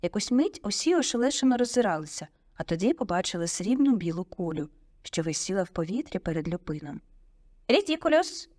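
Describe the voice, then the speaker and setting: A woman narrating an audiobook in a vivid, expressive storytelling manner on a close studio mic. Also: on the low side, quick pace, no echo.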